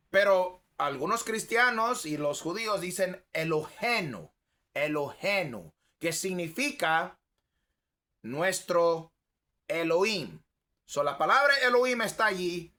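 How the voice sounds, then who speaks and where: A man leads a Bible lesson in an unhurried, emphatic way, freely sharing his opinions. His voice sits a little high and sounds bright and forward. He drops into his as he talks. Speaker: preacher. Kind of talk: bible teaching.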